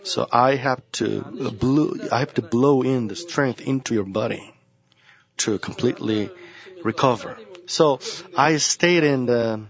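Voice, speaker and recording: A man delivers a sermon as senior pastor, unhurried and earnest. He circles back to repeat his key phrases. The recording is dull and lo-fi. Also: mid-range voice, vocal fry.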